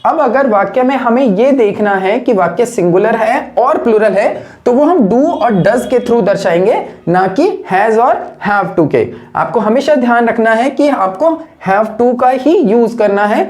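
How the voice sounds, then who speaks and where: A woman's voice: on the high side, animated, a little mellow. Woman patiently explaining grammar rules. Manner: patient, asks and answers her own questions; slows down to stress key phrases. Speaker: English teacher. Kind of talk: classroom grammar lesson.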